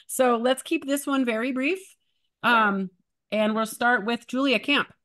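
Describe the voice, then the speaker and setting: A woman moderating an online workshop, brisk and friendly as she calls on speakers. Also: fairly high pitch, a bit bright. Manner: brisk and friendly, moving things along. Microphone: video call.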